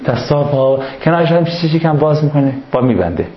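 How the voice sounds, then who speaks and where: A man's voice: fairly high pitch, echoey room, muffled recording. A man lecturing a classroom, asking questions and joking with his students. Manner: humorous, banters with students.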